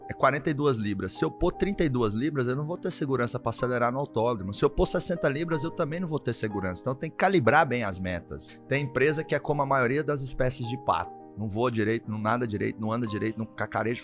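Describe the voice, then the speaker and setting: A man speaks quickly, explaining business ideas through everyday analogies. His pitch sits in the middle of the range. Faint music plays behind him. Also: lively intonation. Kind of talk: talk interview.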